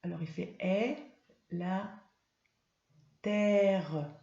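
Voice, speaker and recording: A woman's voice: mid-range voice, drawn-out words, dark tone, reverberant, lo-fi sound. A woman primary school teacher giving a lesson to young children, patiently spelling out words.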